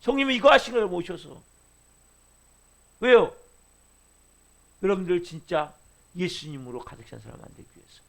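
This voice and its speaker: A middle-aged man preaching with a high-set voice and a gravelly edge. He presses his congregation with question after question, and his voice climbs loud, then falls to hushed, low phrases. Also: big pitch swings, normal speed, long pauses. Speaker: pastor. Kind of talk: sermon at a dawn service.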